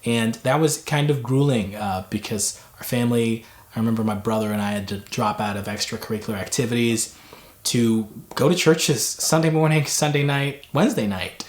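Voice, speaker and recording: A man's voice: medium pitch, moderate pace. A man in his twenties, born in Tanzania, giving a rambling personal testimony with frequent restarts. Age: 20s. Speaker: former missionary kid sharing testimony. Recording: roomy echo.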